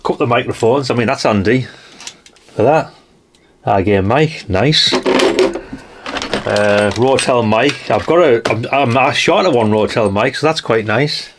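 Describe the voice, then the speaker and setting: The recording is very noisy as a middle-aged retro radio collector hosts a casual, unscripted show-and-tell on his channel. He has a medium pitch and a measured pace with long pauses. He's full of tag questions and swears mildly.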